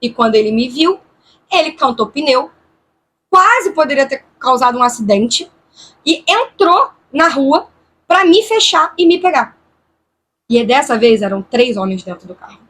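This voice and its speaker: A woman from Brazil talks straight to her audience in a casual vlog, telling a scary story in an animated, tense way. She keeps voicing her own inner thoughts as she retells it. Her voice sits high and comes out airy and breathy. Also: unhurried. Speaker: vlogger.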